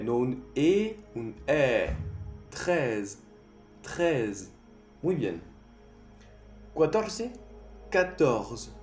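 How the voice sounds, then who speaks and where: French-accented man, language teacher, slow and careful, mellow voice, echoey room, faint music behind. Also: mid-range voice. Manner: slow, drawn-out sounds repeated for the learner. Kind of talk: language lesson.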